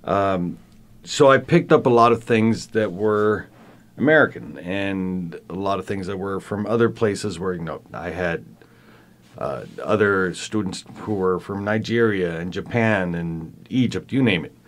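A deep-voiced professor in his fifties, born in Argentina and raised in Venezuela, speaks with a Venezuelan Spanish accent as a guest on a casual podcast interview. He is thoughtful, with many pauses and restarts.

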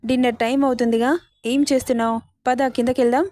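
A caring mother-in-law coaxes gently and firmly, read by a woman in a fairly high voice. The tone is motherly and the recording is dry and close. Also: little pitch movement, fast, no room sound, natural voice. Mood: coaxing.

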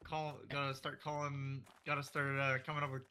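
A man's voice: medium pitch, completely flat delivery, normal speed, pushed and bright, clean tone. A man chatting while gaming, rambling and restarting his sentences as he explains things. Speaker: gamer. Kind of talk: casual multiplayer gameplay chat.

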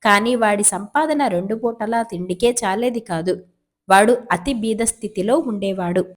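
A woman storyteller reading folk tales aloud at a steady, even pace. Her delivery is scripted and calm, like a read-along storybook. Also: mid-range voice, moderate pace.

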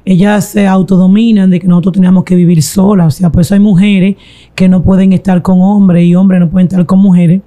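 A woman giving a slow, reflective confessional testimony in an interview. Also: fairly low pitch, level tone, warm tone. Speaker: guest telling her testimony.

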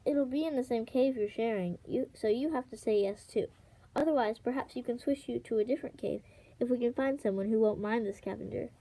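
A woman's voice: a little high, a little fast, mellow, low-quality recording. A woman voicing a cheerful, firm young female dragon.

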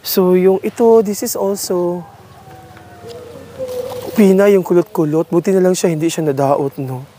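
A man's voice: sits high, steady tone, a little slow, long pauses, mellow, slight background noise. A man gives a casual, rambling tour of his home garden and keeps calling his viewers darling. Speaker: gardening vlogger. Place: home garden, partly outdoors.

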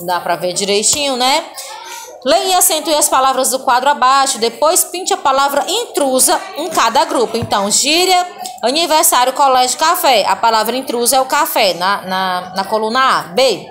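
Patient high-voiced Brazilian teacher. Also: female voice, expressive, moderate pace, a bit bright, faint music behind. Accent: Brazilian Portuguese. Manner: patient, reads word lists aloud, checks in with "certo?". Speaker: primary school teacher. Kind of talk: recorded online class walkthrough.

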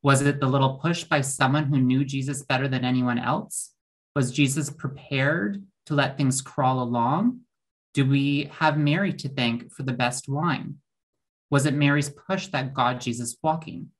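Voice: mid-range voice, unhurried. A lay preacher reading a sermon reflection in a questioning, conversational way.

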